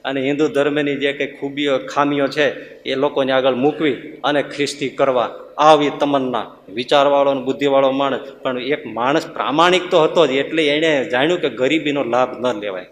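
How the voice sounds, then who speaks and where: A man, a swami, giving an animated storytelling sermon and acting out villagers' voices. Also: mid-range voice, moderate pace. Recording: faint noise in a long-reverb hall.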